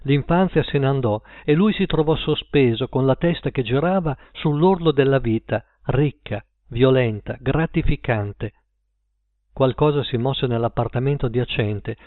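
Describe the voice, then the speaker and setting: A man narrating a story aloud in a measured storytelling manner. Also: mid-range voice, dry recording. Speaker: audiobook narrator. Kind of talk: scripted narration. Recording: tinny phone-like line, dry.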